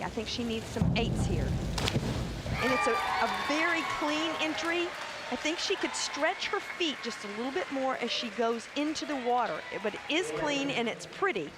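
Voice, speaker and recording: Loud venue noise surrounds a high-pitched woman. She gives expert diving commentary, explaining and judging technique in an analytical way. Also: expressive, moderate pace. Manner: explanatory, evaluative.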